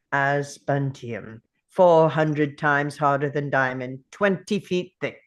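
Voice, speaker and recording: A performer as the Doctor, slow, brooding time traveller. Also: medium pitch, natural voice. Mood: pondering, intent. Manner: theatrical, deliberate, pondering aloud. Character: brooding, clever time-travelling alien man called the Doctor. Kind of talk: dramatic script table read.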